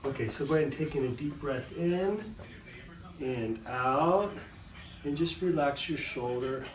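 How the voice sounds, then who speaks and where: A man's voice: on the high side, unhurried, a little hiss or hum. A man working as a chiropractor, casually talking a patient through a hands-on adjustment with short, reassuring instructions. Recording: echoey room, distant mic, music behind.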